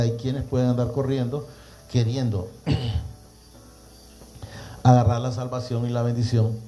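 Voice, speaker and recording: Male preacher, sermon, dark mellow voice, reads scripture, clears throat often. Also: medium pitch.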